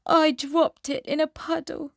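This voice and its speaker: A woman's voice: sits high, level tone, measured pace, gravelly, no echo, studio quality, pitched above the performer's own voice. A woman voicing a tearful, forlorn fox in a children's storybook.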